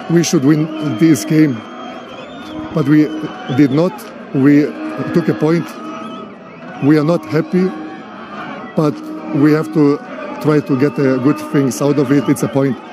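Man, forties, football coach, halting restarts, handheld mic, outdoor stadium, crowd noise. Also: on the high side. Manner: halting, restarts often, explains tactics. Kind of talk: post-match interview. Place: outdoors at a stadium, in front of a sponsor board. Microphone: handheld interviewer mic. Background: music and crowd noise.

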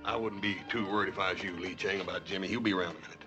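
An actor playing a big, protective, plain-spoken cowboy in a TV western, with folksy frontier talk. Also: male voice, low voice, steady tone, very fast, over music, lightly acted. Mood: easygoing. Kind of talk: TV western drama acting. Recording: dull, faintly noisy old soundtrack.

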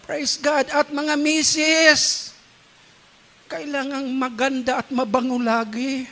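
A male pastor with a Filipino accent preaching a humorous, animated sermon and mixing in English phrases. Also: extremely high pitch, slow pace. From Philippines.

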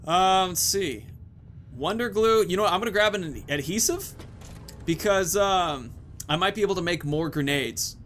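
Hosting a playthrough of a video game, this man in his thirties offers loose, rambling commentary with mild swearing. He speaks at a normal speed in a high-sitting, somewhat bright voice with lively intonation.

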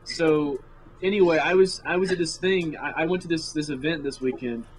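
A man's voice: a little high, normal speed, a little hiss or hum, rough recording. A teenage boy from Tennessee, chatting casually on a podcast, joking and teasing with stammering restarts. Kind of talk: casual chat.

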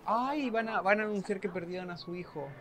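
A reaction video host with a high voice and slightly fast delivery, his Spanish marked by a Rioplatense Argentine accent. He giggles, gushes, and reads the subtitles of a TV episode out loud while the show's sound and a crowd murmur run underneath.

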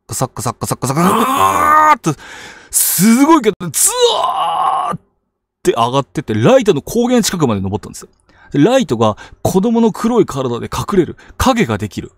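A man narrating ghost stories on a live stream, dramatic, with hushed lows and sudden outbursts. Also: wildly swooping pitch, a little fast, no echo. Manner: dramatic telling, hushed low asides rising to sudden outbursts. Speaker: ghost story teller.

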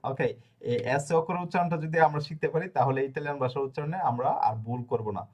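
A man teaching a lesson in a spoken, unscripted way, repeating each point and filling pauses as he thinks aloud. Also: on the high side, a little mellow. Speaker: language teacher.

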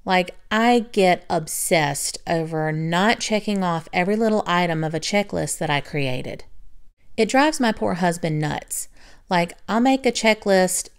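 A woman vlogger giving a reflective voiceover about her week, soft, confiding and unhurried. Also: lowish voice, lively intonation, clear, resonant tone. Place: home, recorded as a voiceover.

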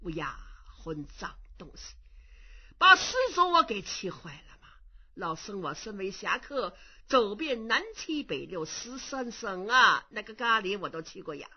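A woman's voice: big pitch swings, a little slow, husky, heavily acted. A woman putting on a blustering old trickster monk. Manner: blustering, swears in a deep growl. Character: scheming old man posing as monk elder. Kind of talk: traditional Chinese storytelling. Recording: dull lo-fi recording.

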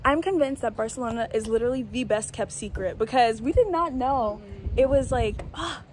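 A woman's voice: a little high, normal speed, a little mellow, a little hiss or hum. A woman vlogging her travels in a chatty, upbeat way, talking to her viewers on a phone camera outdoors. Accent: Haitian-American. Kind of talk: casual travel vlog.

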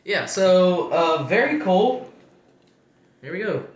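A man's voice: sits high, sing-song, slow pace, echoey room, dull audio. A man hosting a casual vlog, teasing his friend through a spicy chip challenge and often laughing. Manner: teasing, repeatedly asking how he feels, laughing.

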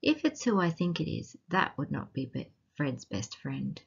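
A woman with an Australian accent reading a picture book aloud to children and asking them gentle, teacherly questions along the way. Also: low voice, wildly swooping pitch, normal speed, creaky, husky, dull audio. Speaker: children's storytime reader.

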